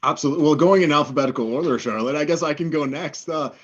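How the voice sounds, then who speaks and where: A man's voice: fairly high pitch, fast talker, husky, muffled recording. A man introducing himself on a video-call panel, upbeat and chatty, with frequent fillers and restarts. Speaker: head of a startup support organization.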